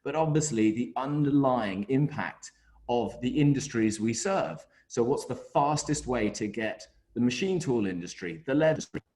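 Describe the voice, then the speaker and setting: A man's voice: mid-range voice, animated, moderate pace, a little mellow. A man giving a webinar talk over a video call whose audio keeps breaking up, hesitant with many fillers. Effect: choppy, breaking-up video call audio. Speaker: webinar presenter. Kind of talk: online presentation.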